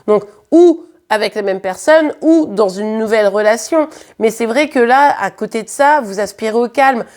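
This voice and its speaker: A woman's voice: a little high, animated, moderate pace, a little mellow. A woman giving a casual tarot reading to viewers, chatty and conversational, with frequent hesitations, repeated words and tag questions. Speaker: tarot card reader.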